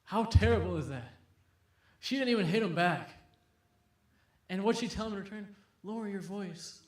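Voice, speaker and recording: A man lecturing a youth audience at an Islamic center in a casual, animated way. He laughs often and talks in a large indoor hall. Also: high voice, normal speed, slightly rough.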